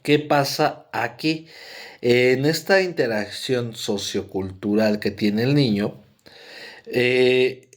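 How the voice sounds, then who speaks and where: A man's voice: mid-range voice, slow. A man with a Mexican accent giving a conversational psychology lecture, often checking in with his listeners. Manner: conversational, frequent "¿no?" tags and fillers. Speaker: psychology presenter. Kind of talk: explanatory lecture.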